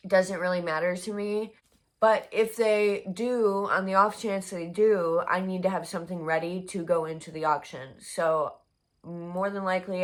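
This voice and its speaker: A young woman chats casually in her crochet vlog, rambling with plenty of fillers. Her lowish voice sounds hoarse and congested.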